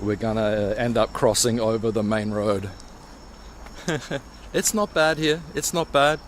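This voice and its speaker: Walking rural roads at night, a Hong Kong–born man who grew up in Australia chats casually on a live stream from his mobile rig. He speaks a little slowly over slight background noise, staying chatty and easygoing, and he addresses cats in a high-pitched voice.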